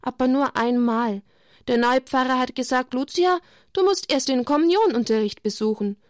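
Lucia, a woman reading as a gentle girl. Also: sits high, normal speed, no echo, studio quality, pitched above the performer's own voice, natural voice. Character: older shepherd girl Lucia, gentle and shy.

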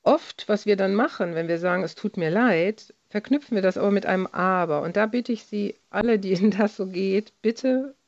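A middle-aged woman talking as a broadcast guest, earnest and direct as she appeals to her listeners. Her voice sits at an ordinary pitch for a woman. The recording is dry with no room sound, and slightly muffled. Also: brisk, few pauses, a little mellow, no room sound. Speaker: guest speaker on forgiveness. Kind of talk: earnest explanatory talk on a broadcast.

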